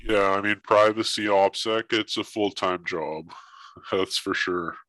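A man's voice: fairly low pitch, fairly even intonation, slow, sharp tone, dry recording. A man talking through a voice changer that disguises his voice, a guest investigator in casual interview chat, blunt and swearing freely.

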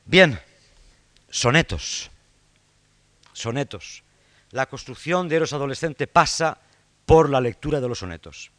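A man giving a public lecture on literature, lively, acting out quoted lines now and then. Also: mid-range voice, measured pace, long pauses, no room sound. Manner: lively, acts out quoted lines in a loud raised voice.

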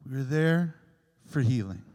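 A man's mid-range, darkish voice carries an unhurried yet animated reflective sermon. He tells personal stories earnestly, and his words ring out with a long cathedral echo in a large church.

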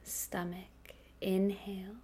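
A woman guides a meditation at a very slow pace. Her voice is soft and breathy, slipping into a calming whisper. The tone is husky rather than clear, at a medium pitch. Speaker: meditation instructor.

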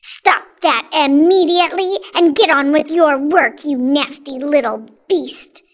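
A woman's voice: high voice, lively intonation, slow pace, heavily acted. A woman voicing a vain, bossy, nasty aunt from a children's storybook, theatrical in her gushing and scolding. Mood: angry, scolding. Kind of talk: children's storybook character reading.

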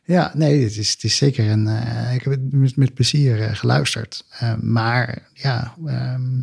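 A man with a gravelly, husky voice weighs in on a book during a relaxed conversation. He talks haltingly, restarting his sentences and searching for words. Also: medium pitch. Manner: halting, many restarts, chuckles. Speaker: guest author. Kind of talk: casual book discussion.

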